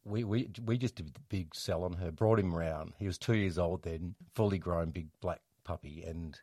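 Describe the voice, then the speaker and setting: A middle-aged man telling a personal story as an interview guest, reflective and halting, restarting his sentences often. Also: low-pitched, a little mellow, dry recording, studio quality.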